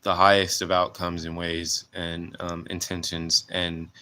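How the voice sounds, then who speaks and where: Deep, bright-toned man reflecting earnestly. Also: completely flat delivery, clean tone. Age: 20s. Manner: earnest, halting, many restarts and fillers. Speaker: vlogger. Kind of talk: reflective personal vlog.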